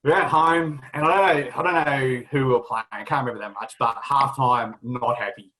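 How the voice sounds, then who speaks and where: A man's voice: medium pitch, fairly even intonation, a little fast, sharp tone, low-quality recording. A man, a former footballer, casually telling old club anecdotes with a laugh in his voice. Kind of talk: casual storytelling.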